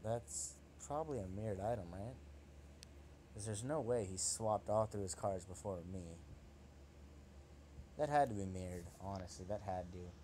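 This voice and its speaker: A young man giving excitable, trash-talking commentary over his own gameplay, swearing at his opponent as he plays. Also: lowish voice, normal speed, pauses often, a little hiss or hum. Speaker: gaming channel host.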